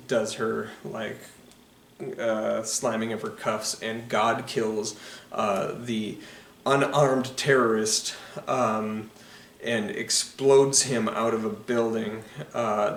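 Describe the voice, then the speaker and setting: A man's voice: on the low side, gravelly, fairly bright tone, recorded from a distance. A man talks through his opinions in a loose, rambling way, stumbling over fillers and restarting sentences. He sits back from the mic in a room that echoes, with a faint hiss underneath. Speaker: film reviewer. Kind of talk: casual opinionated film review.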